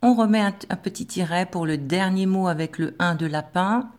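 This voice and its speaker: A woman teacher giving a slow, patient dictation lesson to young pupils, spelling out sounds with careful articulation. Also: lowish voice, darkish tone. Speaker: primary school teacher.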